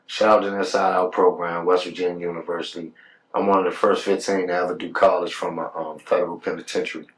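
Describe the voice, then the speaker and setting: A man's voice: deep voice, flat delivery, fast talker, distant mic, rough recording. A man telling his life story in a casual podcast talk. He often repeats words when he gets heated and keeps asking "you know what I'm saying". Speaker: podcast guest.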